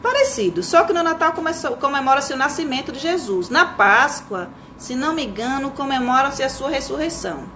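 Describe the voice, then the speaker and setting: A woman's voice: high voice, lively intonation, fairly quick, hardly any pauses, pushed and bright, a little hiss or hum, exaggerated voice. A woman reading aloud and voicing a distracted father who answers his son hesitantly. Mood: offhand. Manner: hesitant, offhand. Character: distracted father eager to read his newspaper.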